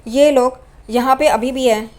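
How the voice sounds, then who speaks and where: A woman voicing an angry, sharp-tongued middle-aged aunt who scolds loudly in a shrill voice. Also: fairly even intonation, measured pace. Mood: scolding.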